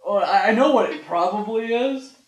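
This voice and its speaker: A man at a game table, cracking jokes with lively, bouncing inflection and a slightly high pitch. He is picked up from a distance in an echoey room, with other voices chattering around him. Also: crowd noise. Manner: playful, quick to laugh at his own jokes. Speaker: player. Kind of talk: joking table talk.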